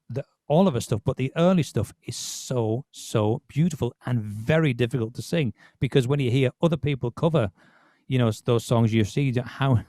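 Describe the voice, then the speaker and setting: A man's voice: medium pitch, warm tone, dry recording, clean studio sound. A man hosting a podcast, talking casually about music with many restarts. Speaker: podcast host.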